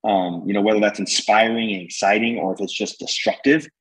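Young male guest, husky and energetic, rambling casual delivery. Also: lowish voice, fairly quick, rough recording. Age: young adult. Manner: energetic, rambling with many fillers and slang. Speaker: guest entrepreneur. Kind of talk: podcast conversation.

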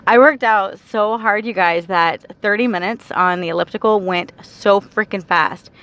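A woman's voice: medium pitch, unhurried, a bit bright, dull audio. A woman in her thirties chatting casually to her viewers in an exasperated, venting way, recording from a car. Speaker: vlogger. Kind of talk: casual vlog chat. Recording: car and street noise behind.

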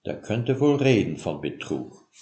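A man's voice: lowish voice, very animated, a little slow, warm tone, slight background noise. A man voicing a sly older father-in-law who lectures in a pompous, scolding way. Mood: lecturing. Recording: roomy echo.

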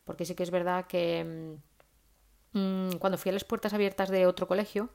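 A woman's voice: lowish voice, little pitch movement, normal speed, gravelly, a little mellow. A woman, giving parenting advice in a casual, chatty monologue with frequent "¿vale?" tags. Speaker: parenting vlogger.

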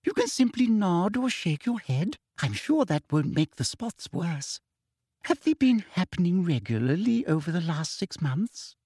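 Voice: medium pitch, sing-song, unhurried, darkish tone, husky, no echo, studio quality, voice pushed up. Reader putting on a sugary, menacing official. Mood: coaxing. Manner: coaxing with falsely sweet "dear". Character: sugary, menacing middle-aged female official. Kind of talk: audiobook character reading.

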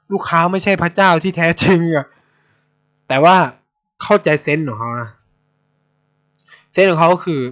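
A man from Thailand, a podcast host telling stories in blunt, casual chat full of swearing. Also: sits high. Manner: blunt, swears a lot, animated. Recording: dull lo-fi sound.

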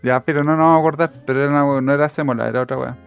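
Fast-talking Chilean man. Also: on the high side, fairly even intonation, gravelly, smooth, lo-fi sound, faint music behind. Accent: Chilean Spanish. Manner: quick, slangy, fumbling for words. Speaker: podcast co-host. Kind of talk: casual chat.

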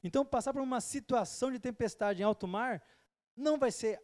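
A man's voice: extremely high pitch, fairly quick, a little mellow, big-room sound. A man preaching, stopping after short phrases so an interpreter can follow. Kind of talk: sermon with live interpretation. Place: church hall with a projector.

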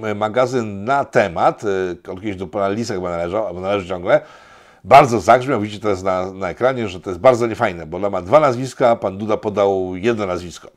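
Sardonic man hosting a commentary show. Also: fairly low pitch. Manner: mocking, sardonic, meandering with many filler "e". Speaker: host of a political commentary show. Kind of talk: sarcastic monologue commentary.

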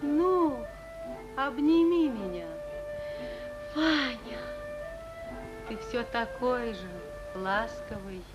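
An actress playing the fairy-tale maiden Vasilisa in a dream, speaking tenderly and slowly in a radio drama. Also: female voice, fairly high pitch. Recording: dull lo-fi archive recording with music.

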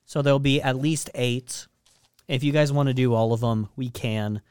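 A man's voice: mid-range voice, fairly even intonation, moderate pace, a little mellow, smooth, no room sound. A man hosting a casual podcast chat, explaining a trivia game with lots of ums and uhs. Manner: rambling, many ums and uhs. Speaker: podcast host running trivia.

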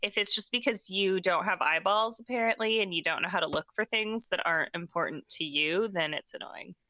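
A young woman co-hosting a casual podcast chat. She is animated, laughs often and mimics her husband. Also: fairly low pitch, brisk, no echo, clean studio sound. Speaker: podcast co-host.

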